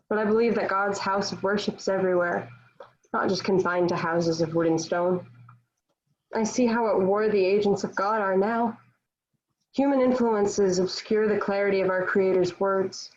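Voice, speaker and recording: A woman's voice: medium pitch, steady tone, moderate pace, darkish tone, close to an everyday voice. A woman playing a devout, defiant young Joan of Arc in a dramatic table read, speaking in formal, declamatory period phrasing. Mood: resigned, sorrowful. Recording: dull lo-fi virtual-meeting audio.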